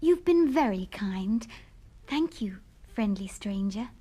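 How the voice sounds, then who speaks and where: A woman's voice: extremely high pitch, unhurried, a bit bright. A woman voicing Cinderella, a kind, cheerful young woman, speaking sweetly and singing on a vintage storybook record. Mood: gentle. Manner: sweet and sunny, sings to household things. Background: orchestral music.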